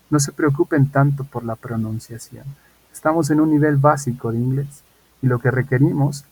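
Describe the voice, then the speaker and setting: A man's voice: medium pitch, vocal fry, darkish tone, breathy edge, rough recording. A man, an English teacher explaining assignments in an online class and often checking in with his students. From Mexico.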